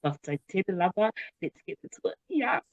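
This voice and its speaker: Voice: mid-range voice, sing-song, brisk, no room sound. Enthusiastic New panelist on headset mic. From New Zealand. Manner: enthusiastic, chatty, many fillers. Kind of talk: online panel self-introduction. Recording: dull, dry lo-fi headset call audio.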